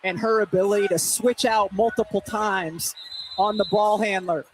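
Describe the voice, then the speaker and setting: A woman's voice: mid-range voice, steady tone, normal speed, poor audio. A woman analyst at courtside breaking down a televised basketball game in an upbeat, explanatory way. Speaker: color analyst. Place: courtside at an arena.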